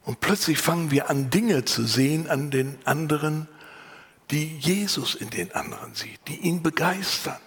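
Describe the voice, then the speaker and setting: Husky-voiced man preaching a sermon. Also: fairly high pitch, expressive, normal speed, a bit bright, in a large hall. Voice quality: unusual voice he remarks on himself. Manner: earnest, varied, drops to whispers and rises for emphasis. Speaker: pastor. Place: church.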